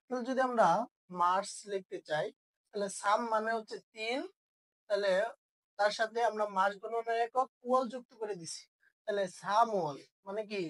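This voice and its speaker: A woman's voice: medium pitch, moderate pace, fairly bright tone, low-quality recording. A woman teaching an online language lesson, asking questions and answering them herself.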